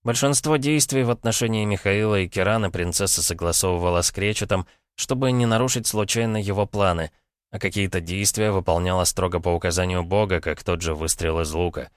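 A man narrating an audiobook in a very deep voice, reading steadily and evenly. The sound is dry and close, with no room in it. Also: brisk, dry recording.

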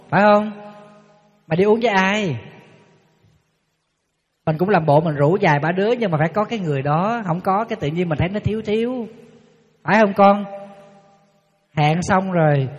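Male monk, teasing and animated preacher, husky high voice, dull echoing hall recording. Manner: lively storytelling, acts out quotes, teasing the audience. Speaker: Buddhist monk giving a dharma talk. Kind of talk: sermon. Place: large hall with an audience. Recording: lo-fi live hall recording with long reverb.

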